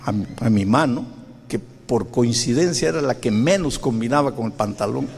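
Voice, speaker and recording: A male pastor from Peru preaching a sermon, telling a story and acting out voices with sudden high outbursts. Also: animated, moderate pace, vocal fry, darkish tone, slight background noise. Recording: long hall reverb.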